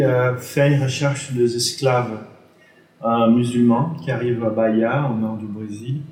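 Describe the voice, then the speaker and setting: A man who is not a native French speaker, an artist presenting his exhibition, gives an informal talk in French with a foreign accent. His mid-range voice has a darkish tone, and he hesitates, hunts for words, and corrects himself. The distant microphone picks up a roomy echo.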